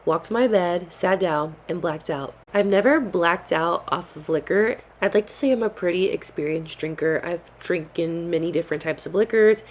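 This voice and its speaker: A young adult woman vlogger telling a personal story in a calm, earnest way, with casual slang. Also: lowish voice, moderate pace, few pauses, slight background noise. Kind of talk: storytime narration.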